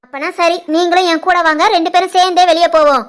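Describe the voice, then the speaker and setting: A woman voicing a defiant, sharp-tongued young wife arguing with her mother-in-law in an animated family story, with a Tirunelveli Tamil accent. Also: very high voice, quick pace. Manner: defiant, argumentative.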